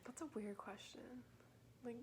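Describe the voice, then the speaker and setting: A woman's voice: medium pitch, level tone, unhurried, background noise. A young woman hosting a vlog, chatting casually with many "like"s and "um"s. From Michigan. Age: young adult. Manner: chatty, filler-heavy, laughing. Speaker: vlog host. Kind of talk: casual chat on camera.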